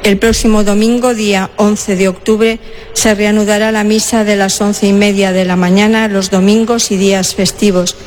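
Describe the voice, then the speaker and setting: A woman's voice: medium pitch, little pitch movement, moderate pace, a little mellow, a little hiss or hum. A woman with a Castilian accent from Spain, formally reading out parish announcements in an orderly way. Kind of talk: reading parish notices aloud. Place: church during Mass.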